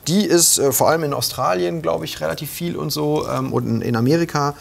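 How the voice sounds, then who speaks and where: A man's voice: fairly high pitch, brisk, creaky. A man in his thirties hosting a casual cooking chat in a studio kitchen, slangy and talkative. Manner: chatty, slangy, talks over others. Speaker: cooking show host.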